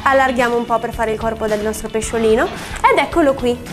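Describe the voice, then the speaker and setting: A woman's voice: a little high, a little fast. A woman explaining step by step how to make a balloon figure for children, in a friendly teaching manner. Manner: friendly, instructive. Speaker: balloon-craft instructor on a children's show. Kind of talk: step-by-step craft tutorial. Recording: music bed behind voice.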